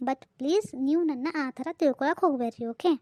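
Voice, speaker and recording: A woman voicing a sharp indignant young woman. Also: high-pitched, no echo, lightly acted. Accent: North Karnataka Kannada. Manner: brisk, scolding.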